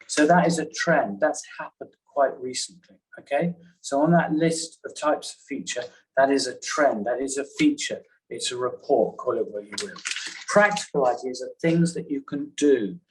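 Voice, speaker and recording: A man teaching a journalism class in a classroom, talking in a halting way and often checking in with "okay?". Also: medium pitch, a little hiss or hum, rough recording. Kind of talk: classroom lecture.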